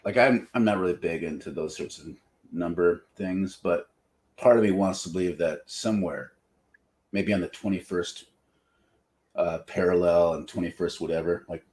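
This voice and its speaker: A man's voice: sits low, moderate pace, darkish tone. A man hosting a podcast in casual chat, joking and rambling with lots of filler words. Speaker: podcast host.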